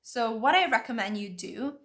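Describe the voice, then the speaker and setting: A young woman's fairly high, slightly bright voice moves at normal speed with lively intonation. She creates language-learning videos, her first languages being Vietnamese and Hungarian, and in this talking-head advice piece she walks through things step by step, earnest and opinionated.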